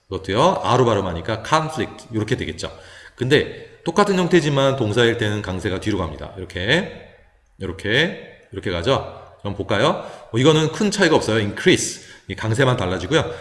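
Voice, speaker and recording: A man who teaches high school English, explaining pronunciation step by step in a patient lecture style with many small fillers. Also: fairly bright tone. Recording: echoey, reverberant room.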